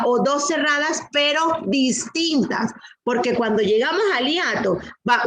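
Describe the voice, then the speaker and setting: A middle-aged woman teaching a class, speaking slowly and patiently and repeating rules and questions to her students. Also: a little high, fairly bright tone, rough recording. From Latin America. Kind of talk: online class lesson.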